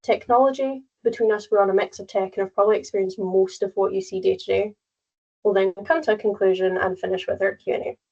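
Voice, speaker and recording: A young woman in her late teens co-presents a webinar over a video call. She runs through the agenda briskly and in plain terms. Her voice comes through slightly muffled. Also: medium pitch, steady tone, creaky, a little mellow.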